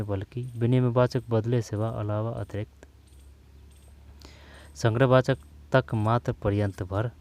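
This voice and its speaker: In a Hindi grammar lesson, a male teacher with a medium-pitched, darkish voice slowly lists words and repeats them so students will memorize them. He calls his listeners "brother."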